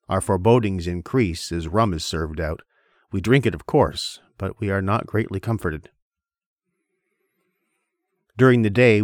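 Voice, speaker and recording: A man with a very low voice reads a war novel aloud for his podcast. His delivery is measured and grave, and it slows on tense passages. The sound is dry and close. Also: no echo. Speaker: podcast host reading aloud. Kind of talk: solemn literary reading.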